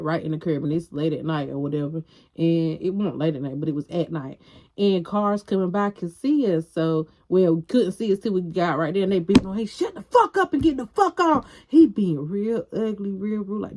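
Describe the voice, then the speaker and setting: A young adult woman telling a personal story to her viewers in a casual, animated way, swearing freely and calling out to the audience. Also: fairly low pitch, normal speed. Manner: animated, frank storytelling with profanity, addressing viewers. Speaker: vlogger.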